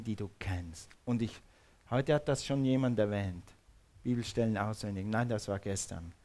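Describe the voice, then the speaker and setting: A man's voice: mid-range voice, darkish tone. Fervent preacher man. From Switzerland. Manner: fervent, repetitive, calls for congregation responses. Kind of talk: sermon.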